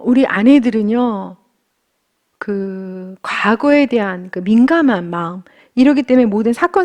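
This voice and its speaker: A woman giving a church marriage-class lecture, speaking gently and acting out kind example phrases for husbands. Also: medium pitch.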